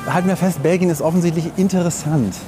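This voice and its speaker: With a slightly high voice and a fast delivery, a man co-hosts a podcast while walking city streets, chatting casually, opinionated and wordy, often rephrasing. Music plays under him, and street ambience and traffic come through clearly.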